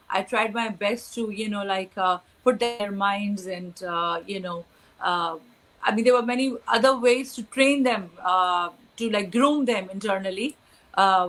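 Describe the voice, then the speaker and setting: A woman's voice: mid-range voice, a bit bright, rough recording. A young woman from Pakistan answering interview questions, hesitant, with many fillers and restarts. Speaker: interview guest.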